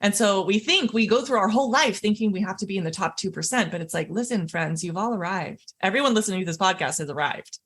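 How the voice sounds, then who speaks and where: A middle-aged woman, a physician, telling her story as a podcast guest, animated and often laughing. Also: mid-range voice, fast talker, hardly any pauses, slightly rough.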